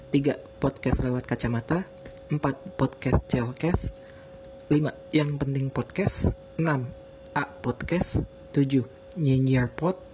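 A man's voice: mid-range voice, dark tone, slight background noise, low-quality recording. A man hosting a casual solo podcast, informal and hesitant, with a speech impediment that blurs his R sounds. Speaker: podcast host.

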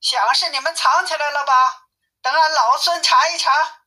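A woman's voice: sits high, moderate pace, bright, forceful tone, voice pushed up. A woman voicing a cocky, boastful male monkey king in a storybook reading, raising her voice for him. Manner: brash, bragging. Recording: tinny phone-like sound.

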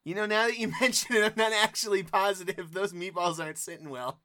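A man's voice: high voice, steady tone, fast talker, bright, forceful tone. A man playing an impatient, bossy pregnant young wife in an improv comedy scene, pushy and giggly. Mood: joking. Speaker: improv performer.

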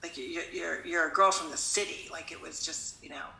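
A gravelly, deep-voiced woman in her fifties from Connecticut, USA, speaks at a normal pace with a sharp edge, and the recording is reverberant. She talks earnestly in a casual conversation, rambling and frequently starting her sentences over.

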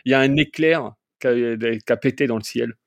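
A man taking part as a guest in a casual podcast quiz, chatting and thinking out loud with many fillers. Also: mid-range voice, brisk, gravelly, no room sound.

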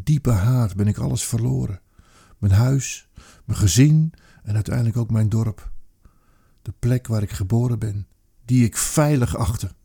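A man with a very dark, gravelly and husky voice reads a dramatic monologue. He speaks intensely and places each word with weight, pausing deliberately between phrases. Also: medium pitch. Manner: intense, emphatic, with slow deliberate pauses. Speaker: narrator.

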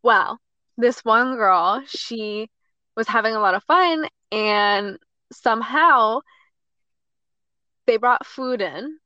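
A woman guesting on a podcast, telling a story in an animated way and laughing often. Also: a little high, slow pace, long pauses, no room sound, dull audio.

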